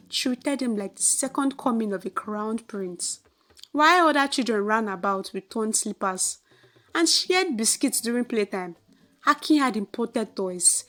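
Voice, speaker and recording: A woman with a slightly high voice and a Nigerian accent tells a folktale. Her delivery is expressive and theatrical, in a scripted storytelling style.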